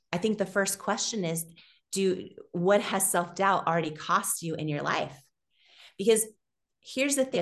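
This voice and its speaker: A woman in her forties, a guest on an interview podcast, telling her story in an animated, emotional way with the odd laugh. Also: on the low side.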